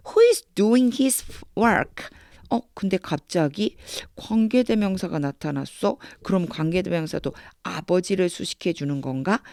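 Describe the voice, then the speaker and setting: A woman giving an English reading lesson from the Bible, patiently explaining step by step and asking herself questions. She reads the English lines slowly, one word at a time. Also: on the low side, vocal fry, darkish tone, dry recording, clean studio sound. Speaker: English teacher.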